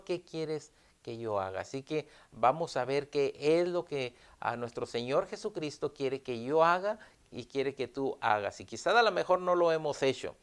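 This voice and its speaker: A male pastor preaching a sermon in an earnest tone, repeating key phrases and pausing with "ah". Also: medium pitch, smooth.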